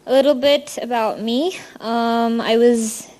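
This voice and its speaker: A woman's voice: a little high, fairly even intonation, slow, darkish tone. Young Indian-born woman giving a student talk. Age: young adult. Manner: casual, frequent ums, friendly. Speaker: student presenter. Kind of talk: presentation talk.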